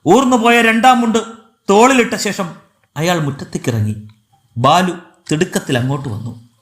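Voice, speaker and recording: Brief: male audiobook narrator, high and lively voice, dramatic delivery, echoey room. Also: normal speed. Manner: expressive, emotional storytelling.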